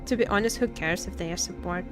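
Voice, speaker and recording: This gaming livestreamer, a woman, keeps up casual commentary and banter with viewers, pausing, joking and repeating herself a lot. Her voice runs on the low side, and faint music can be heard in the background.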